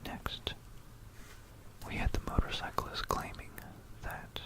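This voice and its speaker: A slow, breathy ASMR whisper recounts history close to a binaural mic. The narrator hesitates, drifts off topic, and keeps repeating phrases.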